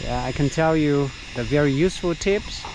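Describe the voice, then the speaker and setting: Walking countryside trails, a middle-aged Vietnamese-native guide narrates a relaxed vlog, pausing often and leaning on fillers. His voice sits on the high side against a noisy background.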